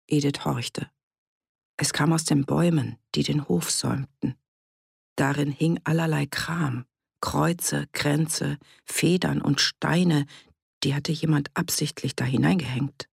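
A woman narrating a novel for an audiobook in a steady, measured storytelling manner. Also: deep voice, vocal fry, husky, no room sound, clean studio sound.

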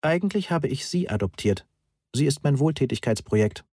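A man voicing a socially odd, literal-minded student in an audiobook, pedantic and deadpan. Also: mid-range voice, normal speed, breathy edge, no echo, studio quality, voice pushed up. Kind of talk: audiobook character voice.

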